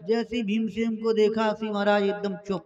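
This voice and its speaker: A man preaching and telling a comic story to a live audience, loud and lively, questioning the crowd. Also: sits high, normal speed. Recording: dull lo-fi sound.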